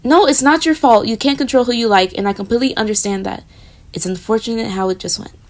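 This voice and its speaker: A young woman sounds hurt as she voices a flustered, jealous roommate for a romantic audio roleplay, talking to the listener and trailing off softly. Her pitch is on the high side, her pace quick, and her voice close to an everyday one.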